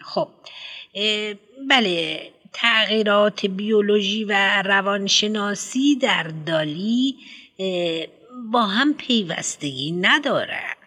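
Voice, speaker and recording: A man reading an audiobook, voicing a fussy middle-aged woman who heads a school, speaking hesitantly and full of drawn-out ums. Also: sits high, animated, bright, forceful tone, pitched above the performer's own voice, full character voice. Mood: lecturing.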